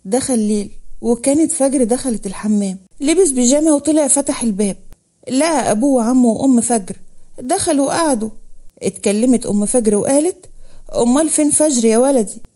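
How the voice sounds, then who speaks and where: A woman with an Egyptian accent narrating a scripted village love story in a steady, plain manner. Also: fairly high pitch, fairly quick.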